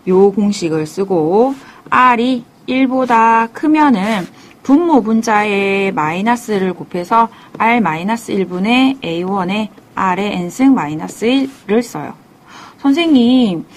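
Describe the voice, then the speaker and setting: Woman math teacher; patient step-by-step explainer, mid-pitched, talks herself through each line. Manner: calls herself teacher, asks and answers her own questions. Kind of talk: step-by-step lecture.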